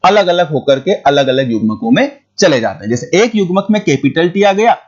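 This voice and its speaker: A male teacher from India with a high voice speeds through a biology lesson in a very animated, brisk manner. He repeats key points and keeps checking that his students follow, on a dull, lo-fi recording.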